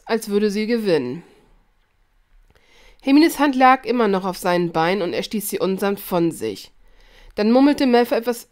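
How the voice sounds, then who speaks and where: Female narrator for a fan audiobook; lively read-aloud with small slips. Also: mid-range voice. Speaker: fan fiction reader.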